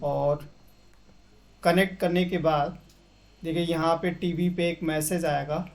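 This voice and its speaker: In a casual screen-share tutorial, a young man with a slightly high voice and fairly even intonation takes things slowly. He goes through settings step by step for viewers, slipping English terms into his explanations.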